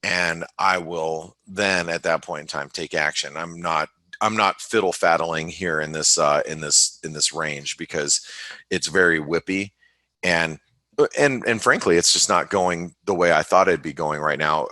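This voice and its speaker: Deep-voiced man in halting market talk. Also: pushed and bright, dry recording. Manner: halting, many restarts and fillers, thinks aloud. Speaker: forex market analyst. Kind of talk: casual webinar market commentary.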